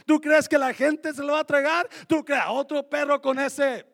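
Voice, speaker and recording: A stubborn young woman refusing her burden, as a preacher puts her on, pleading over and over with English words slipped in. The voice sits very high with a gravelly edge. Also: fairly even intonation, moderate pace, a bit bright, full character voice. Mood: unwilling.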